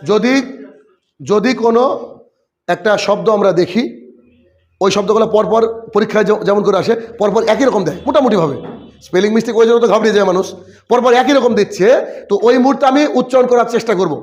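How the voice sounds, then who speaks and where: A man's voice: high-pitched, fast talker, darkish tone. A man teaching spelling rules in an exam-prep lesson, asking his students questions and answering them himself. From West Bengal, India. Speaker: English teacher.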